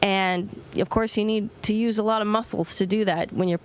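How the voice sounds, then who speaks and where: A woman's voice: medium pitch, steady tone, normal speed. A woman astronaut giving informal, plain-spoken answers to students over a space-to-ground radio link. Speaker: astronaut answering questions from orbit. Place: aboard a space station.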